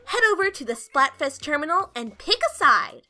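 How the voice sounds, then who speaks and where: Very high-pitched excitable squid idol girl. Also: moderate pace, heavily acted. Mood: teasing, argumentative. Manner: slangy, excitable, teasing. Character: two bubbly young female pop-idol squid news hosts. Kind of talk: scripted game dialogue, playful banter.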